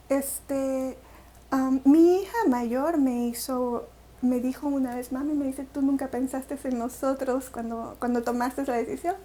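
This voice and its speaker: This is a Salvadoran woman giving an interview about her own life, with a Salvadoran Spanish accent. Her voice sits high but has a soft, mellow warmth. She speaks reflectively, filling pauses and restarting her sentences. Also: a little hiss or hum. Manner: reflective, with many fillers and restarts. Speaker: interview guest. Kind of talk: personal story in an interview.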